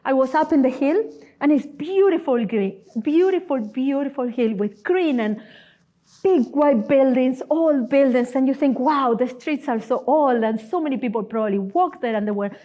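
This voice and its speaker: A woman's voice: high-pitched, moderate pace. A woman in her forties giving a sermon as a guest speaker, telling personal stories with humorous asides. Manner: animated, storytelling, humorous asides. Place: church.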